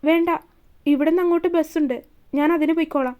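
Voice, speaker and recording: A woman's voice: high voice, fairly even intonation, fast talker, natural voice. A woman voicing a timid, sad young woman. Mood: subdued. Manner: hesitant, soft.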